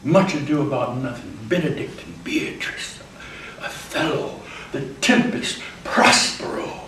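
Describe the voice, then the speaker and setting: Male guest lecturer, animated and emphatic, caught from a distance in a roomy classroom with faint background hum. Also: medium pitch, unhurried. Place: college classroom. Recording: roomy classroom recorded from far off, faint ambience.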